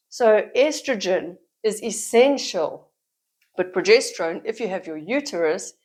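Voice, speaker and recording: A head cold leaves this middle-aged woman's medium-pitched voice slightly croaky as she explains something on camera. As a women's health educator, she teaches warmly and steadily, leaning on important words and saying them again to drive them home.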